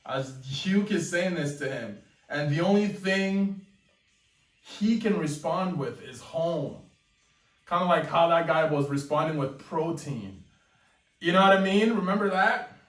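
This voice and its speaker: Young man, live reading reaction, excited, exclaims often, slow talker, roomy echo, faint music behind. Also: fairly high pitch. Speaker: webcomic reaction host. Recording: echoey room, mic at a distance, faint music.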